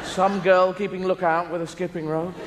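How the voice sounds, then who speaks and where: On a large theatre stage, a stand-up comedian in his thirties rambles playfully and acts out voices, speaking in a high-pitched, flat way at a moderate pace. The echoey live recording is very noisy, with audience laughter.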